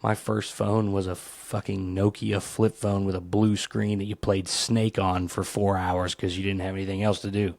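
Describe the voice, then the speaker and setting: A man's voice: creaky, no echo. A man hosting his own solo podcast, ranting in a rambling, profane, comic way and telling stories with animation. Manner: animated storytelling, leaps into higher voices for quotes. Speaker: podcast host.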